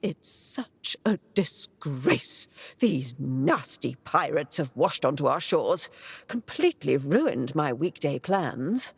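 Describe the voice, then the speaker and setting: A woman's voice: sits low, big pitch swings, takes it slowly, slightly rough, dry recording, full character voice. An actress playing a fussy older female mouse in a video game, prim and proud of her wealth. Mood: indignant.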